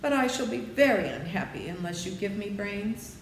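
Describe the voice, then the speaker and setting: A woman's voice: mid-range voice, animated, normal speed, creaky, echoey room, big-room sound, background noise, pitched above the performer's own voice. A woman voicing an earnest scarecrow from a storybook, eager and pleading for brains.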